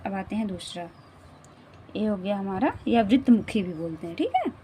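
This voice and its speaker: A woman's voice: medium pitch, sing-song, normal speed, warm tone, a little hiss or hum. A woman teaching a grammar lesson, repeating herself and often checking that the class follows. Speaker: Hindi teacher.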